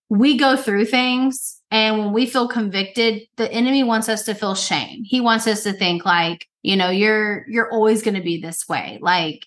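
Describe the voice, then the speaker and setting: A woman's voice: medium pitch, fairly bright tone. Encouraging woman explaining faith topics. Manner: encouraging, explanatory, uses "like" fillers. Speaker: podcast co-host. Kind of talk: casual faith chat.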